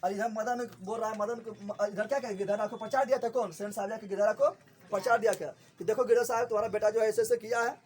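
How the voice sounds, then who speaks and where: A man, teaching a story chapter to a class, often asking a quick question and answering it himself. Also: sits high, steady tone, a little mellow, slight background noise.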